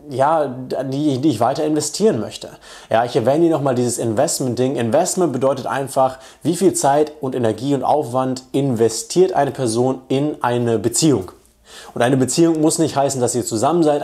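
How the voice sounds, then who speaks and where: A man coaching viewers on dating, speaking in a direct, confident manner. His voice sits in a middle pitch with a warm, dark, mellow timbre. He explains point by point like a teacher. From Germany. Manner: direct, confident advice-giving. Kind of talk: instructional video talk to camera.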